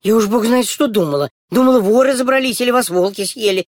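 A woman voicing a fussy mother who exclaims in dismay at her daughters, a little higher than her own voice. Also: expressive, quick pace, dry recording, clean studio sound, natural voice. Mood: worried. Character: fussing exasperated mother of two girls.

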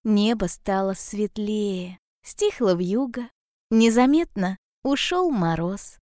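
Slow, calm woman reading a fairy tale. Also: mid-range voice, dry recording, studio quality. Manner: calm, measured storytelling. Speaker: storyteller.

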